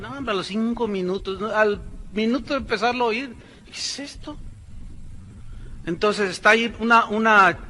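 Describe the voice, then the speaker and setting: A male pastor preaching a sermon, emphatic, swinging between loud declarations and hushed asides. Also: high-pitched, slight background noise.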